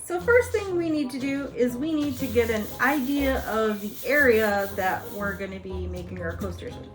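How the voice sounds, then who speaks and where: A woman's voice: a little high, animated, moderate pace. A woman hosting a spooky craft tutorial in a playful, conversational horror-host manner. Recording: music playing behind the voice. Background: music.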